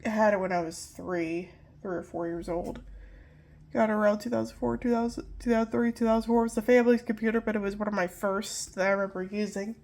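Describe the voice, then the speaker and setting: This young woman's mid-range voice is level, creaky, a little mellow, and quick, and pollen allergies leave it nasal. As a tech video host she casually goes over old computer hardware, rambling, apologizing, and repeatedly correcting herself.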